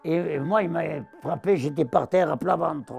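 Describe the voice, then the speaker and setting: A man in his nineties with a southern French accent and a gravelly voice, telling his wartime memories as an interviewee and acting out the voices he quotes. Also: on the high side, moderate pace, faint music behind. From southern France. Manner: animated, acts out the voices he quotes. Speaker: interviewee, war veteran. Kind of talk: storytelling recollection.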